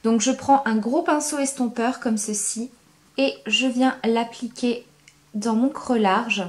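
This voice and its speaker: A woman's voice: a little high, fairly even intonation, takes it slowly. Chatty French-speaking woman doing makeup. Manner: enthusiastic, repeats words for emphasis; frequent hesitations with "euh". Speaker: beauty vlogger. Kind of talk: makeup tutorial.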